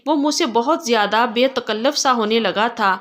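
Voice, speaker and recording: A woman telling a first-person story in a steady, plain storytelling way. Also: on the high side.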